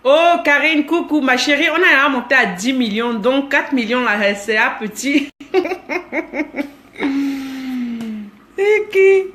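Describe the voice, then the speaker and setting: Lively Cameroonian woman live-streaming. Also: high-pitched, normal speed, hardly any pauses. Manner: lively, greets viewers by name, teasing. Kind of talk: casual live-stream chat reading comments.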